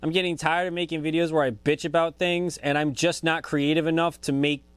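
Brief: podcast host, man, twenties, laid-back and profane, slightly high voice, dry close sound. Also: flat delivery, fairly quick, smooth, no room sound. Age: 20s. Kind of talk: casual podcast monologue.

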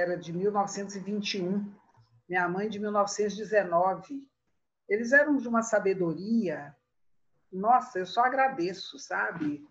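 Woman in her sixties, interview guest, animated storyteller who laughs often; dull lo-fi recording. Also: medium pitch. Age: 60s. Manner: warm reminiscing, laughs often. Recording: muffled lo-fi sound.

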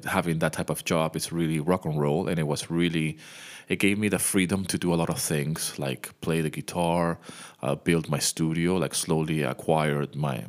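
At home, a deep-voiced Venezuelan man who hosts a podcast and composes music talks casually, chatting straight to his listeners in a relaxed monologue.

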